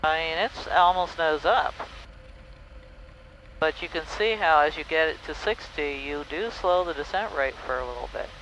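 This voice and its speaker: A man's voice: on the high side, normal speed, poor audio. A man working as a flight instructor, explaining step by step how to handle a small airplane. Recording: loud engine and cockpit noise.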